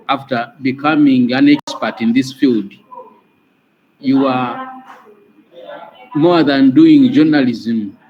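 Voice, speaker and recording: A man with a Ugandan English accent, a student speaking up in an online class, slow and deliberate with long pauses. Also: medium pitch, highs cut off, a little hiss or hum. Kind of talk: class discussion. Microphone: video call.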